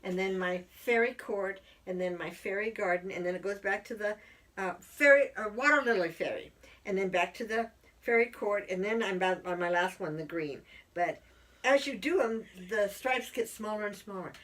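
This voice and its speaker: A woman's voice: mid-range voice, normal speed, fairly bright tone, far from the mic. A middle-aged woman co-hosting a crafting podcast, chatting in a rambling, friendly way with plenty of fillers. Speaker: podcast co-host, yarn dyer. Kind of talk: casual chat.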